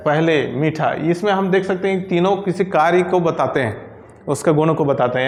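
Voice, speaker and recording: A man with a fairly high voice teaches Hindi grammar, working through each exam question step by step. He says every correct option aloud in a methodical way. The recording carries a noticeable room echo.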